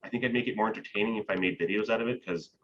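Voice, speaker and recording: A man's voice: fairly low pitch, rapid-fire, muffled recording, slight background noise. A man chatting casually in a business video call, rambling with frequent restarts and laughs. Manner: rambling, talks with his hands, laughs often. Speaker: business owner.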